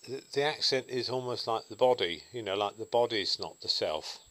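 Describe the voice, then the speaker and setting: A man talks alone to his audience in a reflective vlog monologue, thinking things through as he goes. His voice sits a little low but has a bright, forceful edge. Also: normal speed. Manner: musing, thoughtful. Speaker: vlogger.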